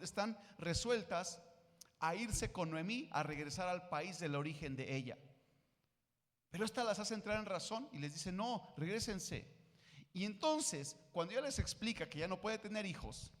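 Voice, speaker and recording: A man's voice: a little high, big-room sound. A man preaching a sermon as pastor, often asking his congregation questions and acting out the lines of the biblical women. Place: church sanctuary.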